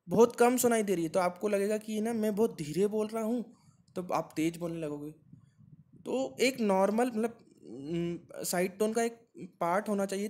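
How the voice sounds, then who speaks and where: A man's voice: high-pitched, darkish tone. A man teaching an exam-prep lesson, explaining step by step and answering his own questions, with frequent "right?" checks.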